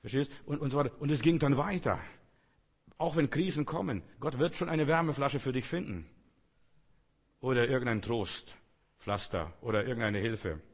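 A man's voice: medium pitch, lively intonation, normal speed, husky. A man preaching a sermon, speaking emphatically with repeated phrases and rhetorical questions addressed straight to his listeners.

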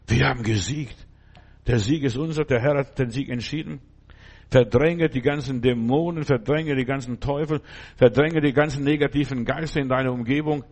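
A man's voice: mid-range voice, gravelly, darkish tone. A man preaching a fervent sermon, exhorting his listeners with repeated phrases and frequent "you understand?" asides.

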